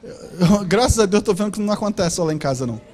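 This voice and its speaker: A man preaching a sermon as a pastor, telling jokes and stories and shouting asides. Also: high-pitched, quick pace, a faint crowd. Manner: animated, joking storytelling with shouted asides. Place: church.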